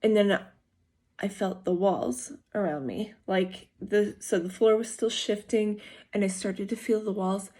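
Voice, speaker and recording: A young woman tells a personal story straight to her viewers in a casual vlog. Her voice is mellow and warm, at a middling pitch. She rambles along, restarting sentences and leaning on fillers. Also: unhurried. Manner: rambling, with frequent fillers and self-corrections. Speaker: vlogger.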